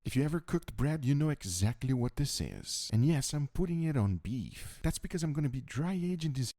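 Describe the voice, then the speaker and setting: Lively, gravelly cooking narrator. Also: male voice, mid-range voice, fairly quick, slight background noise. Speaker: cooking creator. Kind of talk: voice-over narration.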